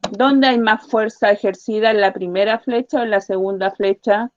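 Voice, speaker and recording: A woman teacher giving a science lesson to children, patiently repeating her questions and slowly spelling out each point. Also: medium pitch, steady tone, dry recording, lo-fi sound. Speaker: primary school teacher.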